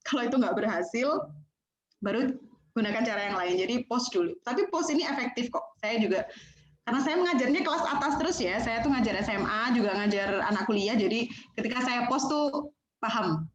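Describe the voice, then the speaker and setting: A woman giving an online lecture at a teacher-training session, chatty and animated, often acting out what students and teachers say. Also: fairly high pitch, brisk. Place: room, on a video call. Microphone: video call. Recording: echoey, dull online call audio.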